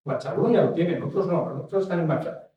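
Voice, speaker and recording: A man's voice: fairly high pitch, fast, lo-fi sound, slight background noise. Man in an echoey room. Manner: rambling, many restarts and asides. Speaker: industry expert. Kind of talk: talk on packaging regulation. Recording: echoey room from far off mic.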